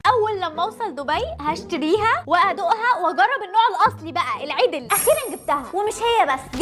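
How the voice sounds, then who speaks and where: Bubbly high-voiced Egyptian woman vlogger. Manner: bubbly, playful, chatty. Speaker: cooking vlogger. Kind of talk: casual cooking vlog, switching dialects. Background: faint background music.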